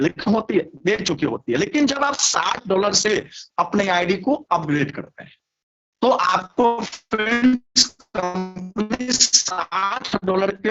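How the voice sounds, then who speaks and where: A man's voice: sits high, a bit bright. A man presenting and explaining a business plan to his audience, steadily, with frequent restarts and repeated words. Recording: dull lo-fi recording.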